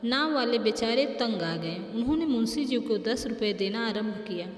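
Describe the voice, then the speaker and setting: A woman's voice: on the high side, animated, moderate pace. A woman reading children's folk stories aloud as storyteller, carefully and with restarts. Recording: echoey room with long reverb.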